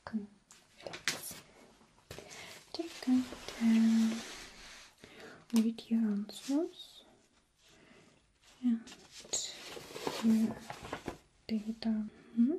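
A woman whispering softly and soothingly as a doctor in an ASMR roleplay. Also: fairly high pitch, drawn-out words, pauses often, noisy background. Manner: soft whispering, gentle and soothing. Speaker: ASMR creator.

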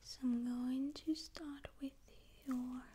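A woman whispering slowly and softly through an ASMR spa roleplay, with long pauses between her words. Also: high-pitched, fairly even intonation, husky.

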